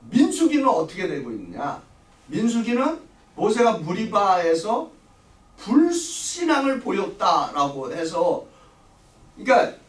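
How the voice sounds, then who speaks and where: A middle-aged man leading a church Bible study, lecturing and firing questions at the class before answering them himself. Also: sits high. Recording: echoey room, voice from a distance.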